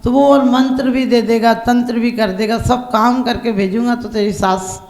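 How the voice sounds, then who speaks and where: A woman voicing a wise father who is a doctor, giving slow, measured advice in a sermon story. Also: on the high side, steady tone, darkish tone, echoey room, natural voice. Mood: calm.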